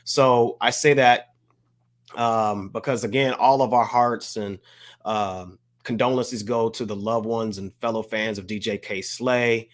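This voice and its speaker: An American man co-hosts a podcast, handing out casual shout-outs in an earnest, measured manner that blends formal phrasing with slang. His voice is lowish, with fairly even intonation.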